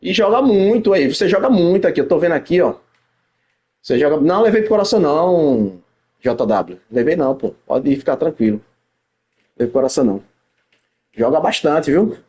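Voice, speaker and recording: A man's voice: fairly high pitch, animated, brisk, long pauses, mellow. A young man, a gaming streamer bantering on a live stream, teasing and mocking with frequent laughs. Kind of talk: livestream banter while playing. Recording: roomy echo.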